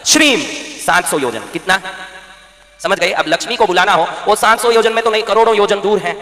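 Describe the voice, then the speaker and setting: Man, preacher, sermon to a crowd, commanding, bright voice, echoey room. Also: sits high, fairly even intonation, fast talker. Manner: rhetorical questions to the audience, commanding. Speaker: spiritual preacher. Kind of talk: sermon to a live audience. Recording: echoey hall reverb.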